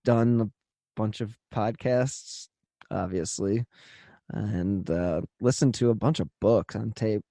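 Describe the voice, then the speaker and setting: A man's voice: on the low side, takes it slowly, vocal fry, dark tone, no room sound. A man hosting a true crime podcast, moving between introduction and casual chat in a studio.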